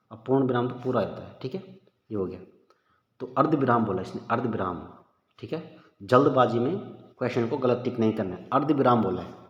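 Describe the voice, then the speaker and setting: A chatty male teacher going through exam questions in an easygoing, informal way, often calling his listeners "bhai." His voice sits at an ordinary middle pitch. The recording is dull and lo-fi, with a long, echoing reverb. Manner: chatty, addresses viewers as "bhai", thinks aloud. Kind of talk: casual exam-prep lesson. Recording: echoey room with long reverb, dull lo-fi sound.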